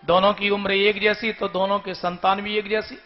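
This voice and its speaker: A man's voice: sits high, flat delivery, moderate pace. A man telling a scripture story at a live devotional gathering and calling out to his audience, in a dull lo-fi recording with faint music.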